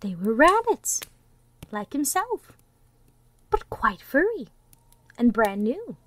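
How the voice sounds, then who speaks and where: Narrating a children's storybook, this woman performs dramatically and frequently drops to a near-whisper. Her voice sits high, swings widely in pitch and moves slowly.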